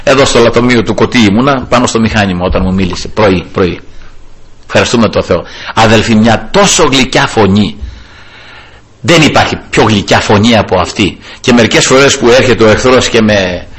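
A man's voice: lowish voice, fairly bright tone, husky. A man preaching a fervent sermon, addressing the brethren often and repeating refrains of praise to the Lord.

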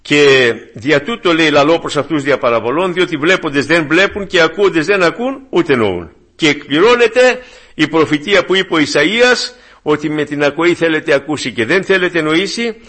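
A man delivers an evangelical sermon with fervent conviction, rising to loud emphatic peaks and dropping to hushed asides. His voice is slightly husky and sits a little higher than most men's. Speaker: preacher.

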